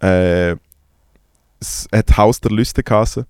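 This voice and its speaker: A young man with a Swiss German accent, telling a halting story full of hesitations. His voice is on the low side for a man. The recording is close and dry, with no room echo. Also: darkish tone, clear, resonant tone. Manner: joking, teasing, hesitant storyteller. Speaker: podcast co-host. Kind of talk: casual chat.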